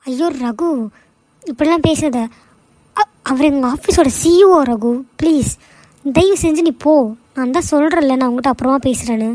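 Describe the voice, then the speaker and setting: A woman's voice: high voice, moderate pace, long pauses, warm tone, dry recording, close to an everyday voice, poor audio. A woman voicing a meek young office worker in a cartoon, pleading and apologetic. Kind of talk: cartoon voice acting.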